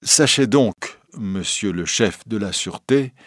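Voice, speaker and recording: A man's voice: on the low side, expressive, takes it slowly, dry recording, clean studio sound. A man voicing a grieving, weary elderly professor in an audiobook reading, in a subdued, heavy manner. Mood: grave.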